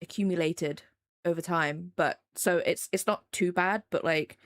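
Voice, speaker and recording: Her fairly low voice holds a fairly even intonation and moves a little slowly, captured in clean studio sound with no room echo. She's a young Englishwoman with a faint Midlands accent, drawing on a live stream and chatting loosely with viewers in a rambling, self-deprecating way.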